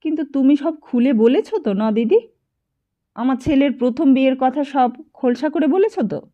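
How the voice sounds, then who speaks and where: Woman putting on a shrill, fretful older widow. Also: normal speed, muffled recording, lightly acted. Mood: anxious. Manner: complaining, raised and scolding. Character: older widowed mother, fretful and quick-tempered.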